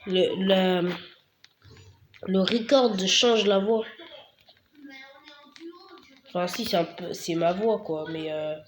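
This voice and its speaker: A woman giving casual commentary while playing a video game, chatting to viewers and breaking into sudden high squeals of excitement. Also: slow pace, pauses often, a little hiss or hum, rough recording. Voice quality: recording makes voice slightly higher. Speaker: gaming video creator.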